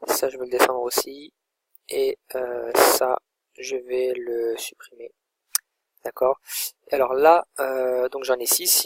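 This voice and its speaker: Casual, husky-voiced man walking through software. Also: mid-range voice. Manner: informal, thinks aloud while clicking. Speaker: online course instructor. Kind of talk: screen-recorded software tutorial.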